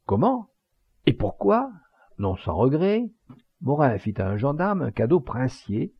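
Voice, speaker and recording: Guy reading an audiobook, husky voice, dry close room. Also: mid-range voice, big pitch swings, a little slow, no echo, lo-fi sound. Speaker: audiobook reader. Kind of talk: scripted audiobook narration.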